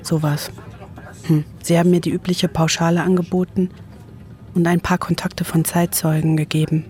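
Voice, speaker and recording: This documentary author, a woman in her forties, reads her first-person script, interspersed with phone calls, for radio. Her dark-toned voice sits on the low side, barely shifting in pitch, at a moderate pace.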